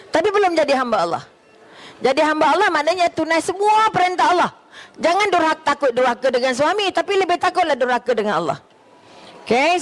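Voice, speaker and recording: High-voiced Malaysian man preaching. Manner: animated preaching, laughs often, rhetorical questions. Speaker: religious parenting speaker. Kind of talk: religious talk with audience Q&A.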